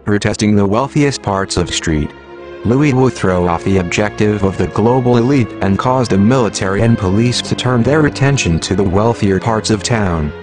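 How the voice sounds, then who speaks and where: An anonymous announcer in a disguised, low, computer-generated male voice, reading a scripted manifesto in an even, mechanical way. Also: normal speed, music in the background.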